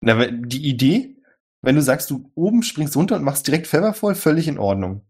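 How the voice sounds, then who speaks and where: A man leads a tabletop role-playing session as game master, describing scenes and rulings in a calm, explanatory way. His voice has a husky, slightly breathy edge. Dry humor slips into his narration. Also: a little high, fairly quick.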